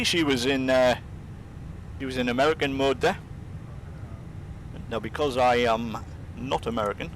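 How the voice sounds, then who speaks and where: A man giving a casual, explanatory software demonstration as its presenter. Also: rough recording. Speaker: presenter of a flight simulator demonstration. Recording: rumbling engine noise behind. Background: simulator aircraft rumble.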